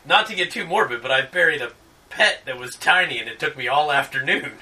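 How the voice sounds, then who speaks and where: A man co-hosting a casual movie commentary chat, jokey and animated. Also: mid-range voice, fairly quick, recorded from a distance. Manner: jokey, animated, does mock quotes. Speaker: podcast co-host.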